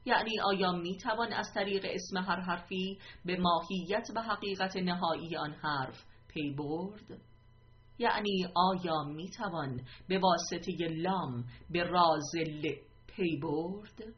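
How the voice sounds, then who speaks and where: Low-voiced woman reading slowly, muffled. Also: a little hiss or hum. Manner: measured and deliberate, enumerating numbered points. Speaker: reader of a religious text. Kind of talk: scripted reading.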